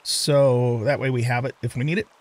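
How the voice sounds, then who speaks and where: An older man hosts a let's play with a medium-pitched voice, fairly even intonation and normal speed. He chats casually and thinks aloud as he plays, using lots of fillers.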